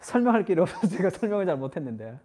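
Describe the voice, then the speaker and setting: A middle-aged male pastor delivering a Sunday sermon. His pitch rises and falls a great deal as he talks. He preaches like he is chatting, moving back and forth between formal and casual speech. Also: very animated, very fast, mellow.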